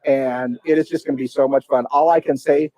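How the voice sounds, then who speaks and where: A man's voice: medium pitch, fairly even intonation, a little fast, a little mellow, no echo, poor audio. A man hosting a casual live talk show from a restaurant patio, chatty and folksy. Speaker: podcast host.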